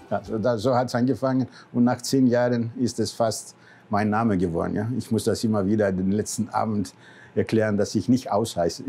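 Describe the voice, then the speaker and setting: A mellow, steady voice on the low side, at normal speed, comes from a Greek cruise ship captain in his sixties. He reminisces casually in Greek-accented, non-native speech with loose grammar and frequent short questioning tags, with background music playing.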